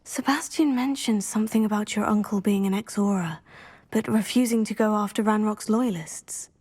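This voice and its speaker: A young woman playing a polite, earnest teenage witch student in a video game, measured and sympathetic. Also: mid-range voice, a little mellow, slightly rough, close to an everyday voice. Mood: polite, concerned. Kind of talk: video game cutscene acting.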